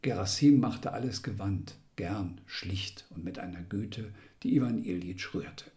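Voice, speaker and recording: Brief: male narrator, lowish voice, intense dramatic reading with whispered passages. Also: measured pace, mellow.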